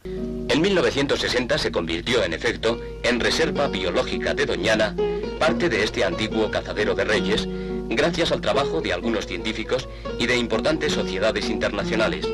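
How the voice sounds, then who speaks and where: Old newsreel narrator, deep-voiced man. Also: expressive, moderate pace, loud music behind the voice. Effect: old 1960s newsreel narration played from archive. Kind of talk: formal scripted narration.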